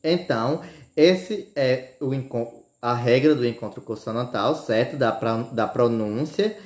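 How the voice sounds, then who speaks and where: A male teacher recording a remote grammar lesson at home, explaining slowly and checking in with his students after almost every phrase. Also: medium pitch, echoey room. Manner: repeats "certo?" after nearly every phrase, slow deliberate explanation. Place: room at home by a street.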